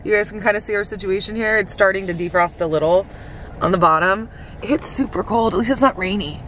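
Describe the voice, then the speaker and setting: A woman's voice: medium pitch, a little fast, a bit bright, a little hiss or hum. A middle-aged woman filming a casual family shopping vlog, chatty and rambling with lots of ums, speaking into a handheld camera in a car and then in a store. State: out of breath after running in. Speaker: vlogger mother.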